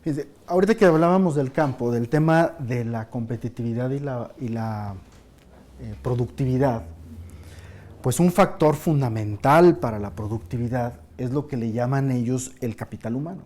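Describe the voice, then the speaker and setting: A man hosting a studio panel, animated and questioning, with frequent fillers. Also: medium pitch, normal speed. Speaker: talk show host.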